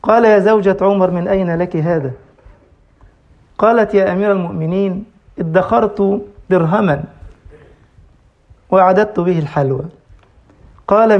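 An impassioned preacher with a high-pitched voice tells stories in a sermon and rises into fervent cries. The recording sounds a little dull and lo-fi. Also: male voice, creaky. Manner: impassioned, rising to cries at refrains. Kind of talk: sermon storytelling.

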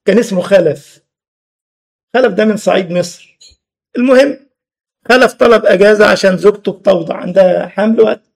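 A man's voice: sits high, creaky, husky. A man from Egypt with an Egyptian Arabic accent, preaching a religious lesson with humorous stories and many rhetorical questions. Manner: animated, rhetorical questions, laughs at own stories.

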